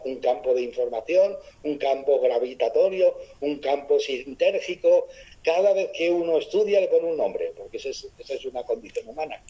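A man's voice: a little high, dark tone, husky, highs cut off. A man from giving a spiritual talk, often asking his listeners rhetorical questions. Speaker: spiritual speaker.

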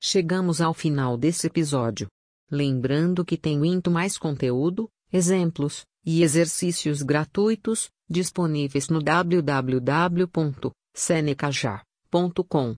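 A teacher's narration voice delivers a scripted lesson at a steady, measured pace, walking through definitions and lists of example words one by one. The pitch sits in a middle register. The sound is dry and close, with no room around it. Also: dry recording.

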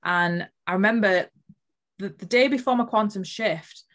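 A woman's voice: mid-range voice, moderate pace, a bit bright. A woman earnestly telling a personal spiritual story as an interview guest, emotional and full of fillers.

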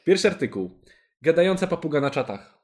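A man's voice: fairly high pitch, sing-song, a little fast. A man co-hosting a casual comedy chat, joking as he reads news items aloud. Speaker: podcast co-host reading news items.

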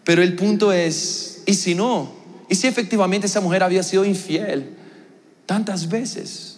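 A young adult man preaching a sermon as a pastor, telling a personal story earnestly, swinging between raised emphasis and quiet reflection. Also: sits high, normal speed, in a large hall.

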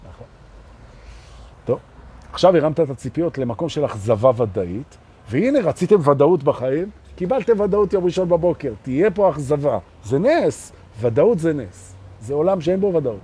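Animated, self-mocking man teaching. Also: mid-range voice, husky. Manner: playful and self-mocking, shifting between joking asides and slow emphatic teaching. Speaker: spiritual teacher. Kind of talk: live spiritual talk broadcast.

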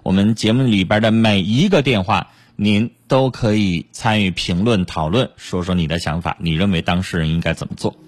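Male radio call-in host with a low voice, steady and instructive, close and dry on a studio mic. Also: normal speed, few pauses, no echo. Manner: steady, instructive, gives advice.

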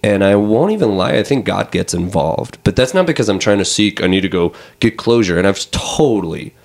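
A man's voice: fairly low pitch, very animated, fairly quick, creaky. A man hosting a podcast, talking loosely and openly with plenty of fillers. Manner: opens in a mock radio-announcer voice, then talks loosely with many fillers. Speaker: podcast host. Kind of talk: casual podcast chat.

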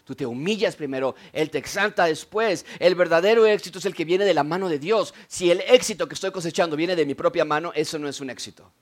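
A man preaching a sermon as pastor, swinging between loud declarations and quiet asides. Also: fairly high pitch, quick pace, few pauses. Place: church.

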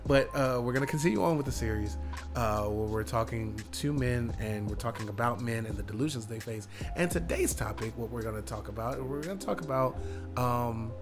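An American man with a hoarse, worn-out voice, chatting casually as a podcast host. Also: mid-range voice, a little fast, over music. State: hoarse, voice partly lost.

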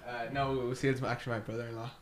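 A man chatting casually on a podcast, telling jokes and stories in a deadpan way. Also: medium pitch, fast talker. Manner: joking, deadpan teasing storyteller. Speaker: podcast co-host. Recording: roomy echo, faint noise.

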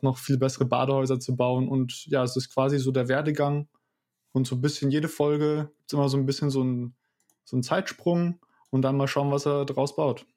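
A young man co-hosting a podcast, giving a casual summary in a loose, halting way. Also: medium pitch, darkish tone. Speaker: podcast co-host.

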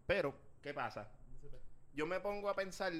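Puerto rican dude on a podcast, bright voice, goes on tangents. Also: male voice, sits high, normal speed. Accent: Puerto Rican Spanish. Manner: animated, rambling with restarts. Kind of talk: casual group chat.

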